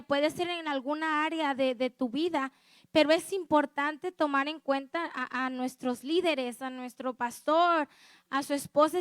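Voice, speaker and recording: A woman gives an earnest, conversational sermon built on her own testimony, often pausing to ask her listeners if they agree. Her voice sits high, and it is recorded close up with a dry sound and no room echo. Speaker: lay preacher at a church service.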